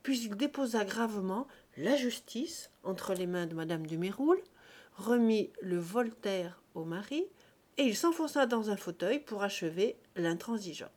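A woman narrating a classic short story aloud, clear and expressive. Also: medium pitch, a little slow. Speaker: reader. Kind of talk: literary reading.

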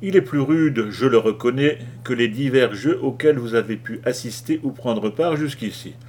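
A man's voice: medium pitch, normal speed, darkish tone, natural voice. A man voicing a brutal, mocking sea captain. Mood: dry mocking. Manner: dry mocking tone. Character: brutal cold-hearted male sea captain. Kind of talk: audiobook reading.

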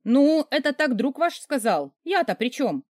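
A woman voicing a flustered young woman who pleads, teases and squeaks at a grumpy man. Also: sing-song, unhurried, no room sound, studio quality. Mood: cheeky.

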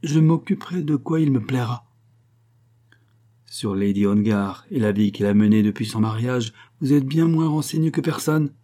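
A man's voice: medium pitch, animated, moderate pace, mellow, voice pushed up, natural voice. A man reading the part of a bold young man, speaking up earnestly and indignantly. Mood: defiant.

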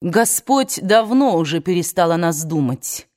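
A woman reading the part of a proud, sharp-tempered young woman who answers in curt, clipped retorts. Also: on the low side, expressive, a little slow.

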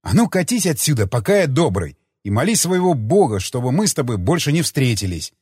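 A man as a husky, brooding weary soldier. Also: medium pitch, big pitch swings, a little fast, darkish tone, no echo, studio quality. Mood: threatening. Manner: sighing, gruff, brooding. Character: weary conflicted male soldier hero.

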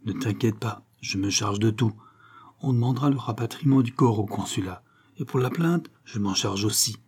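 A seasoned commissioner gives orders with calm authority, as a man reads him in a storybook. His tone is mellow and a little husky, never rushed. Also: medium pitch. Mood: reassuring. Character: seasoned male police commissioner, calm and commanding.

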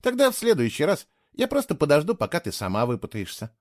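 A man's voice: a little high, wildly swooping pitch, fast, a little mellow, pitched above the performer's own voice. A man voicing an indignant young man, a stranger in a strange world, speaking in an irritated, insistent way.

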